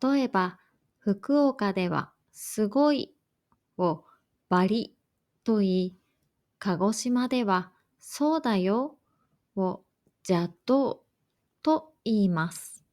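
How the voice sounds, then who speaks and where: Slow, careful woman narrating a lesson. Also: mid-range voice. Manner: slow, careful, even delivery. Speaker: language teacher. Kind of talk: scripted narration for learners.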